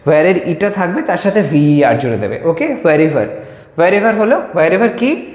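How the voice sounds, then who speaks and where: A male teacher walks through grammar examples with patience, repeating each phrase slowly. His voice rises and falls with lively pitch. The room is roomy, with a long reverb trailing his words. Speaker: English teacher. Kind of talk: explaining grammar lesson.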